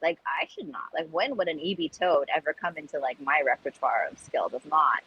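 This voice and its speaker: A woman chatting casually as a guest, animated and self-deprecating, repeating words for emphasis. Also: low voice, brisk, lo-fi sound, slight background noise. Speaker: guest, recreational jump roper. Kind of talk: casual chat about learning skills.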